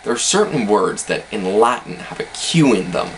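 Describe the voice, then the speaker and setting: A man's voice: on the low side, very animated, moderate pace, slight background noise, poor audio. A man casually explaining language facts in an educational video, hedging with self-deprecating asides.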